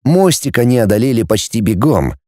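A man's voice: mid-range voice, very animated, brisk, a little mellow, no room sound, clean studio sound. A man narrating a story expressively as an audiobook reader.

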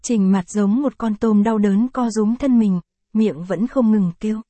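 A woman narrating an audio novel in a steady, even storytelling manner. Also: medium pitch, a little slow, dry recording.

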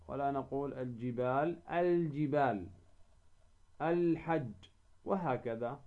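A man teaching Quran recitation in a recorded lesson, slow and deliberate, asking questions and answering them himself, repeating example words to show how to pronounce them. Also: on the high side. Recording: dull lo-fi recording.

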